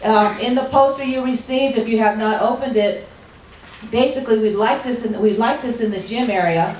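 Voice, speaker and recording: A middle-aged woman with a hoarse, gruff voice giving a welcome speech at a rules clinic, talking informally with many ums and restarts. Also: on the high side, moderate pace, a little mellow, a little hiss or hum. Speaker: executive director of a state activities association. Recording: echoey hall from far off.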